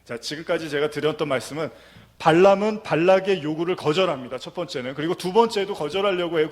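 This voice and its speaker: A man preaching a sermon as pastor, retelling a scripture story and reading passages aloud. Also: on the high side. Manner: storytelling, reads scripture aloud and acts out quotes.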